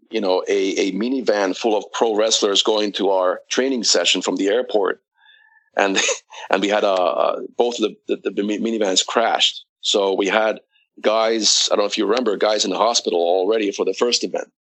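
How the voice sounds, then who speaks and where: Deep-voiced man, rambling. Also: a bit bright, rough recording. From United States. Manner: rambling, many fillers and restarts. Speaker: guest, wrestling promoter. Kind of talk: casual podcast chat.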